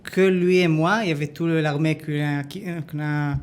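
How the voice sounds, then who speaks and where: A man's voice: on the high side, steady tone. A man from Israel with a foreign, Israeli accent in French, telling his story as an interview guest and searching for words. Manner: halting, searches for words in non-fluent French. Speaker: interview guest, former army dog handler.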